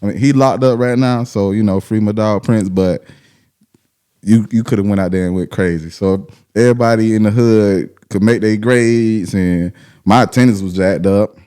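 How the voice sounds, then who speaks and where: A man's voice: lowish voice, moderate pace, dark tone, clear, resonant tone. A man with a Southern US accent hosting a casual interview in slangy street talk, repeating phrases and often saying man and bro. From Glenville, Georgia, United States. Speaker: host interviewer of a hip-hop show.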